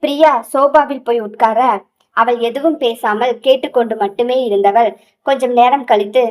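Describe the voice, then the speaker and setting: A woman author reading her own romantic audio novel in an even storytelling manner. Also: on the high side, normal speed, rough recording.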